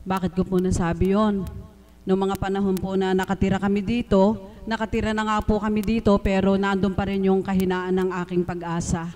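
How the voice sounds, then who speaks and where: Earnest high-voiced Filipino man testifying. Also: little pitch movement, brisk, darkish tone. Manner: earnest, polite, emotional, speaks with frequent respectful particles. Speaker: church member giving testimony. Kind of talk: religious testimony. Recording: live stream recording.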